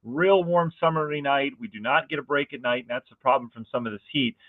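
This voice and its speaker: A man giving a casual, conversational weather forecast, excited about the pattern and often asking viewers rhetorical questions. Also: medium pitch, brisk, no room sound. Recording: dry, phone-like narrow band.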